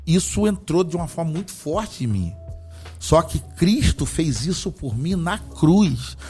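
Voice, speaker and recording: Fervent pastor man, dark voice. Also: fairly high pitch, big pitch swings, a little slow, soft background music. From Brazil. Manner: fervent, emphatic, often asks rhetorical questions. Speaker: apostle, pastor guest. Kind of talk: religious conversation with preaching.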